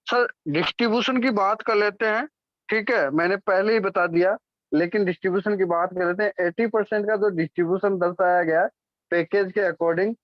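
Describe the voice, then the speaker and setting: A man with a high-pitched voice walks through a business plan, checking in with "ठीक है?" again and again and often correcting himself. There's no echo, and the audio is dull, dry and low-fidelity.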